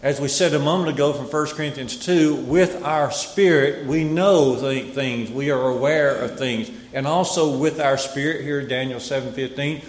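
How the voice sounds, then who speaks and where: A man delivering a Bible sermon in a measured, emphatic way, often repeating key phrases. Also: mid-range voice, fairly even intonation. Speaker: preacher. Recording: echoey hall with long reverb.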